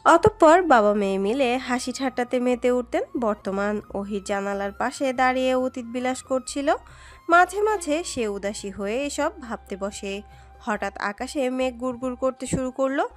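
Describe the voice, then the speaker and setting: A woman narrates a romantic story with an expressive, dramatic reading. Her voice sits high, and soft music plays underneath. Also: normal speed. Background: soft background music.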